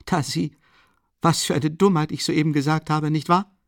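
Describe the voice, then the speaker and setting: A man's voice: lowish voice, normal speed, no room sound, natural voice. Tormented young man, read by a male narrator, agitated and bitterly mocking; dry close audiobook sound. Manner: agitated, musing half aloud, bitter mockery.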